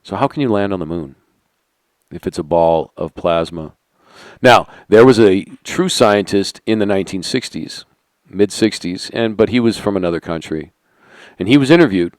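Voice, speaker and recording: A middle-aged man holding a conspiratorial monologue, asking rhetorical questions and sinking into quiet asides. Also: sits low, expressive, moderate pace, no echo. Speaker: channel host. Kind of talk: monologue to camera.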